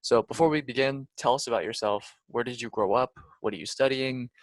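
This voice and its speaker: A man's voice: medium pitch, fairly quick, no echo. A young man co-hosting a casual podcast, talking earnestly with many restarts. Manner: earnest, full of "you know" restarts. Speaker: podcast co-host.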